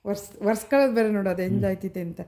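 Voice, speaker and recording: A woman's voice: mid-range voice, racing. A young woman, a mother in a casual family vlog, coaxing and soothing her baby at home at night in a sing-song voice, recorded on a phone. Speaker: vlogger mother. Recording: home video with loud background noise.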